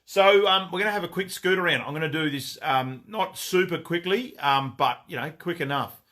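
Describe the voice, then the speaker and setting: A man's voice: a little high, moderate pace, fairly bright tone. A man with an Australian accent hosting a casual live stream from his shop, greeting viewers by name and rambling through new stock with fillers and jokes.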